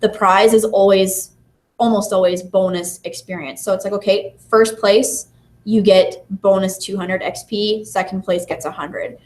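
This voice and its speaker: A woman teacher giving a presentation, telling lively stories from her class and briefly acting out her students' lines. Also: mid-range voice, a little slow. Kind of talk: presentation to an audience.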